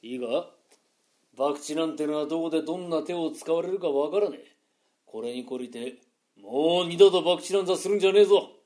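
A man voicing a stern old male gambling boss who scolds his men in a rough, low manner, as in rakugo storytelling. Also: brisk, mellow, natural voice. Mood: scolding.

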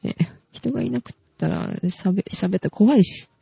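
A woman's voice: medium pitch, moderate pace, vocal fry, mellow, husky, no echo. A woman hosting a casual podcast chat, chatty and giggling often. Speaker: podcast host. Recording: dull, dry lo-fi recording.

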